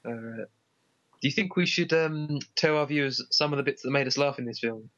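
A man's voice: mid-range voice, fairly quick, muffled recording, a crowd in the background. A man co-hosting a casual comedy chat about films, rambling and correcting himself as he goes. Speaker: co-host.

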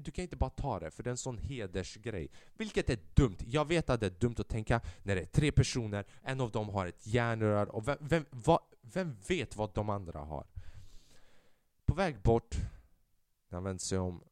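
Animated young man telling a story. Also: dry recording, clean studio sound. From Sweden. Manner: animated, swings from loud outbursts to low mutters; mixes in English slang and swearing. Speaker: podcast host. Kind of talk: casual storytelling.

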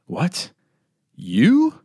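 A man's voice: fairly low pitch, fast, natural voice. A man narrating a thriller audiobook voices a tense man fleeing a gunman, speaking in short, clipped bursts. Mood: stunned. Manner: clipped and urgent.

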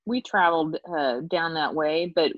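A woman's voice: sits low, moderate pace, no echo, lo-fi sound. A woman co-host chatting casually with friends. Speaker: podcast co-host. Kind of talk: casual chat.

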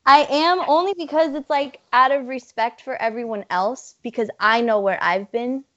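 A woman's voice: high-pitched, normal speed, dull audio. A young woman, a student guest chatting casually with lots of "like". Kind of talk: casual interview chat.

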